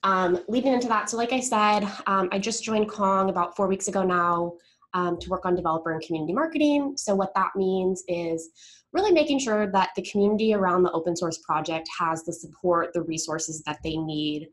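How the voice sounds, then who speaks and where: A woman's voice: mid-range voice, brisk. A woman hosting an online community meetup, presenting informally and upbeat over a video call. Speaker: developer marketing presenter, call host. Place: indoors, remote video call.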